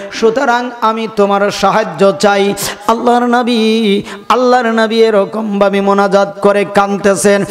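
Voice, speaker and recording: A man preaching a waz sermon, chanting in sing-song swells and calling his crowd to answer back. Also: high-pitched. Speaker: Islamic preacher. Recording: echoey hall reverb, faint music.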